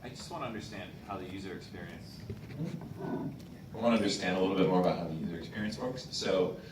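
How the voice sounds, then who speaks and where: A man's voice: sits low, quick pace. A man questioning contestants as a competition judge. He probes and rephrases his questions. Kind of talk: panel questions. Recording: roomy, distant, noisy hall.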